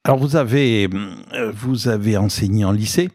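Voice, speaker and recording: Host: man, lowish voice, prompting guest, dry recording. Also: moderate pace, a little mellow, dry recording. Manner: prompting, conversational. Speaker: interviewer. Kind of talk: interview questions.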